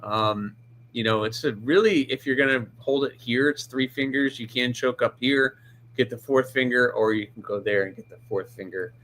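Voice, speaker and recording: A man's voice: mid-range voice, moderate pace, a bit bright, slight background noise. A man hosting a live stream about pocket knives, chatting casually, greeting viewers by name and restarting sentences as he handles a knife. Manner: handles the knife while talking, restarts often.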